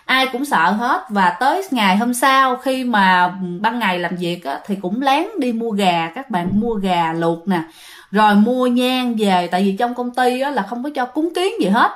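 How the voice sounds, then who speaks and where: A woman's voice: on the high side, expressive, unhurried. A woman telling a ghost story in a chatty way, often speaking straight to her listeners. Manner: chatty, many fillers, addresses the audience directly.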